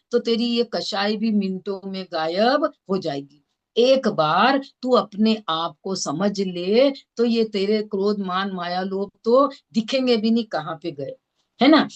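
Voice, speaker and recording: A woman's voice: mid-range voice, animated, slow. A woman with an Indore Hindi accent teaching a scripture class, explaining with everyday examples and often checking that listeners follow. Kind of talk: religious scripture lesson.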